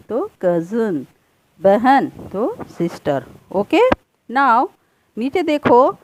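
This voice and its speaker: A woman's voice: fairly high pitch, low-quality recording. A woman teacher explaining a grade-school textbook lesson step by step, patiently repeating the answers and mixing in English words.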